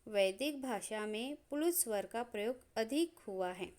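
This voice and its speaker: A woman teaches a grammar lesson in a fairly high voice. She goes slowly and deliberately, spelling out each sound in turn with measured pauses. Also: lively intonation, a little mellow. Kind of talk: slow explanatory lesson.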